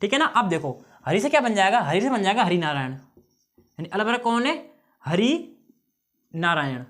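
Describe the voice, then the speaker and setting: High, lively male teacher. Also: normal speed. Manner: keeps checking in with students, repeating phrases. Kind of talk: exam-prep lesson teaching memory tricks.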